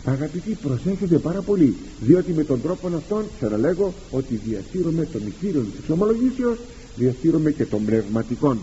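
A Greek priest giving a sermon to his congregation, animated and rhetorical, acting out quoted exchanges with the faithful. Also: on the high side, dull audio, a little hiss or hum. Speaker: priest and confessor.

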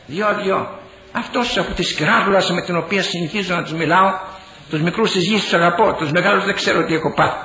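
Older male bishop, fiery sermon, repeats phrases, high bright voice, dull echoey hall recording. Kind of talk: impassioned sermon-style speech. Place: large hall.

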